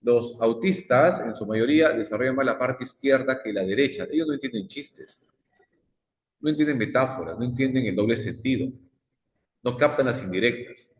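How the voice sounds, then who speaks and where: A man's voice: mid-range voice, moderate pace. A male psychology teacher, lecturing a class and firing repeated questions at the students. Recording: echoey classroom with long reverb.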